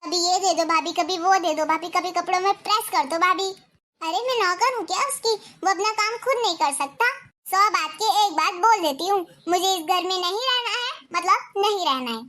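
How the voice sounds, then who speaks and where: A woman's voice: very high-pitched, normal speed, a bit bright. A woman voicing a resentful young wife in a cartoon story, scolding and demanding. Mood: angry.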